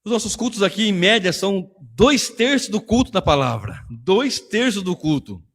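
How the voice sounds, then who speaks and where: A man's voice: sits high, very animated, normal speed, gravelly, a bit bright. A man pastor with a Brazilian Portuguese accent, preaching a sermon in a church in an emphatic, conversational way full of rhetorical questions. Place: church hall. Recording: long church reverb.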